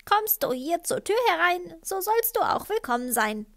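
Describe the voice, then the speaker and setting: A woman voicing a parrot that squawks out a little rhyme in a croaky voice. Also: extremely high pitch, very animated, normal speed, voice pushed up, exaggerated voice. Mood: chirpy.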